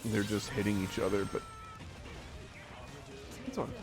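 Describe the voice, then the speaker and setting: A man's voice: fairly low pitch, steady tone, measured pace, music in the background. A man casually commentating a live fighting-game tournament, rambling and chuckling often.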